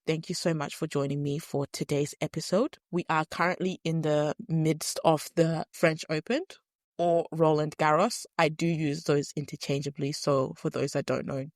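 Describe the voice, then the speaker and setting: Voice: mid-range voice, flat delivery, normal speed, no echo, studio quality. Nasal-sounding podcast host with a cold. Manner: earnest, opinionated, chatty. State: stuffy nose, sniffling. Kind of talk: solo podcast commentary.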